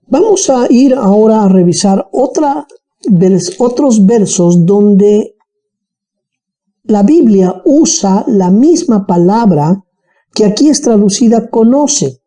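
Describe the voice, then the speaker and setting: A Bible teacher speaks with a Bolivian highland accent in a very dark, mellow tone. The delivery is animated, with frequent check-ins with the listeners. This is a Bible study lesson. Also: takes it slowly, pauses often. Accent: Bolivian highland (colla).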